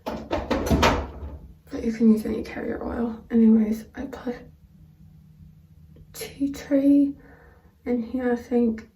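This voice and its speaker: A woman talking casually to camera in a vlog, explaining things in a halting way with pauses mid-sentence. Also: on the high side, fairly even intonation, mellow, slight background noise. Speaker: vlogger. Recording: roomy echo, distant microphone.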